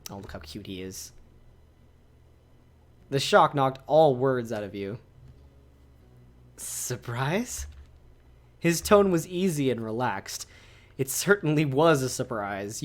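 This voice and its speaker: A male streamer reads a visual novel aloud to his viewers. He breaks off to react to the choices with excited exclamations, his pitch swinging widely. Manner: animated, exclaims and reacts while reading.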